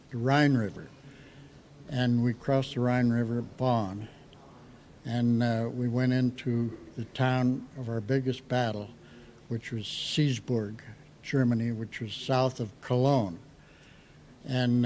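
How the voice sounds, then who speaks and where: American male, 80s, veteran recalling the war; unhurried, halting, reflective delivery, medium pitch. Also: a little mellow, slight background noise. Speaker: World War II veteran being interviewed. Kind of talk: recounting war memories in an interview.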